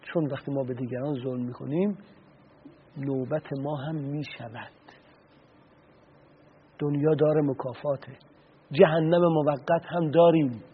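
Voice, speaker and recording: Over the radio, a man gives an earnest religious talk, retelling stories and explaining Arabic sayings. His slightly high voice holds a steady tone with long pauses, and the tinny, phone-like sound has slight background noise.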